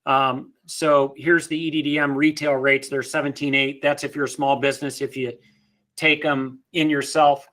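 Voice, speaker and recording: A man's voice: medium pitch, little pitch movement, normal speed, a bit bright. A middle-aged man presenting a webinar, explaining figures conversationally with many ums and restarts.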